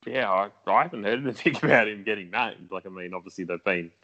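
A man's voice: fairly low pitch, fast, sharp tone. A man co-hosting a casual fantasy football chat, easygoing and swearing casually. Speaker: podcast co-host. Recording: dull lo-fi sound.

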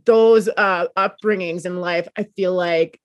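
A woman's voice: on the low side, unhurried, no echo, muffled recording. Casual woman host, dry close sound. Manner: relaxed, affirming murmurs, chatty. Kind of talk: casual interview talk.

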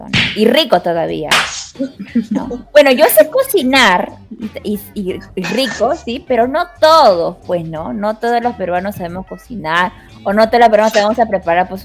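A woman's voice: mid-range voice, lively intonation, normal speed, gravelly, soft background music. A young woman from Lima with a Peruvian Spanish accent, chatting casually as a podcast co-host and often trailing off into fillers. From Peru. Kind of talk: casual panel chat.

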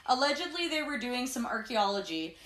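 A woman co-hosting a casual chat, telling stories with lively energy. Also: on the high side, a little fast. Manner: animated, laughing storyteller. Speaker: podcast co-host. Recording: echoey room.

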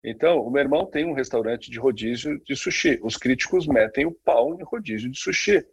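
Gravelly-voiced man chatting. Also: medium pitch, animated, a little fast. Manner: many fillers and restarts, agreeing often. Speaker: podcast co-host. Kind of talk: casual conversation on branding.

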